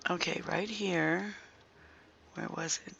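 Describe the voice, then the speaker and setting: Hoarse, croaky gamer with heavily creaking voice. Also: mid-range voice, fairly even intonation, a bit bright, highs cut off, faint music behind. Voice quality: croaky, strained, breaking into whisper. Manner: halting, thinking aloud while working. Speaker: gaming video creator. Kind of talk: casual gameplay walkthrough commentary.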